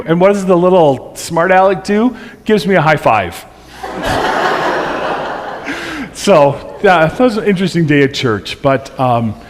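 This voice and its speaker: A man's voice: mid-range voice, long reverb tail, slight background noise. A middle-aged man, a pastor, telling humorous stories in a chatty, easygoing way during a church presentation. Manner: chatty and humorous, laughing at his own stories. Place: church sanctuary.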